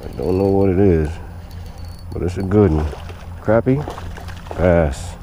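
A man with a low, mellow voice calls out his catches on a lakeshore, coaxing each fish in as he reels. He records on a head-mounted camera outdoors, with a faint hiss of open air behind him. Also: a little slow. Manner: talks to the fish while reeling. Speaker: angler filming himself. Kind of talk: excited fishing commentary. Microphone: head-mounted action camera.

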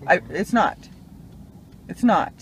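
A woman's voice: fairly low pitch, expressive, slow. A middle-aged woman, a mother, chatting casually and reassuringly in short, repeated simple phrases inside a car. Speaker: mother driving her son. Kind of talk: casual chat. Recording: noisy moving car, phone recording.

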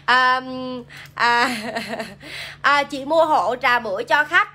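A woman's voice: high-pitched, takes it slowly, bright, forceful tone. A woman with a Southern Vietnamese accent, hosting a chatty live sales stream, reading viewer comments aloud and pushing products. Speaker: livestream seller. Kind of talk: casual live sales pitch.

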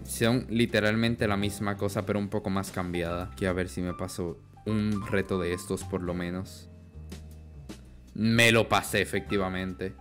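A man's voice: sits low, moderate pace, over music. A man, his voice worn out from talking, commentating his gameplay casually and swinging from mumbles to yelps. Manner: excitable, swings from mumbling to yelling. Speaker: gaming youtuber.

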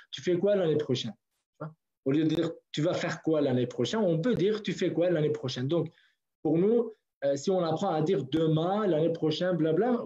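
A man's voice: fairly high pitch, dark tone. A man from northern Kurdistan teaching a language class online, patiently repeating words for his students. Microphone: video call. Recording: dull lo-fi online call audio.

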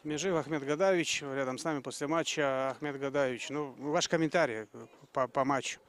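A man in his thirties conducting post-match interviews outdoors into a handheld microphone, phrasing his questions a bit haltingly. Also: mid-range voice, background noise. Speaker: sports interviewer. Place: outdoors at a football stadium.

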